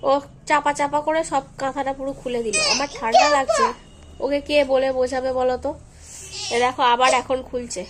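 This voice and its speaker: A woman's voice: sits high, flat delivery, brisk, slight background noise. A young woman, unwell with a fever, coaxing her toddler in baby talk and chatting to viewers at home. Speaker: vlogger. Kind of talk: casual home vlog. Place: home, bedroom and kitchen.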